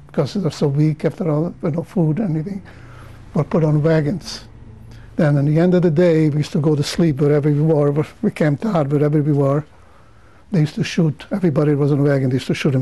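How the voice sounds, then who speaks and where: An older man from Romania, whose first languages are Hungarian, Romanian, Yiddish and Hebrew, gives interview testimony in a measured, halting way with frequent restarts. His voice is a little high and mellow, on a low-quality recording.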